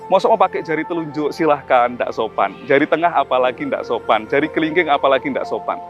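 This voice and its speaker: A man's voice: on the high side, lively intonation, fast, highs cut off, faint music behind, close to an everyday voice. A man voicing a hot-tempered king in a told story, speaking in a raised, indignant, pleading tone. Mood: complaining.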